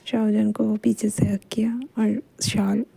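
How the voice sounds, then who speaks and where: A woman casually retelling a fan fiction story in a soft, half-whispered way, with chatty fillers. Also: mid-range voice, flat delivery, a little slow, gravelly, breathy edge.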